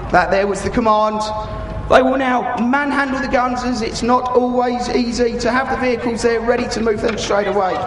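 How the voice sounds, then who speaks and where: A British man in his thirties giving live, explanatory commentary to spectators at a military display, in informal language over a public address microphone. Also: very high-pitched. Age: 30s. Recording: echoey arena PA, crowd and noise.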